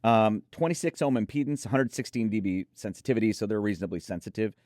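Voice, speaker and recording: A man's voice: on the low side, fast, darkish tone, dry recording, clean studio sound. A man hosting a conversational product preview, reading out specs and chatting with enthusiasm about them. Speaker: host presenting an audio gear preview.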